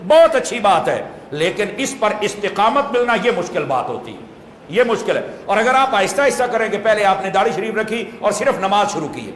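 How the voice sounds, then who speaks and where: A man's voice: sits high, fairly bright tone, a little hiss or hum. A man preaching to a seated congregation, explaining patiently and asking them rhetorical questions. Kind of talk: sermon. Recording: echoey hall with faint ambience.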